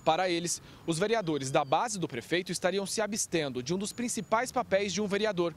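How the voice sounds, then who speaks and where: A man reporting for TV news, delivering a measured, formal report outdoors with a handheld microphone. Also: high voice, animated, a little hiss or hum. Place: outdoors in front of city hall.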